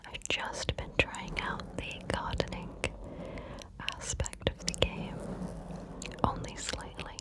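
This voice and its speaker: Female ASMR host, unhurried breathy whisper, close ear-to-ear mic, gentle casual chat. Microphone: close microphone, ear to ear.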